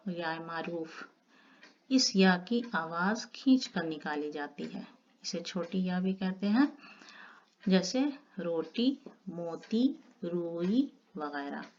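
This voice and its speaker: Slow-spoken woman teaching grammar. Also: fairly low pitch. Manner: slow, explains step by step, stretches example words. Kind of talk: Urdu grammar lesson. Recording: dull lo-fi audio with faint noise.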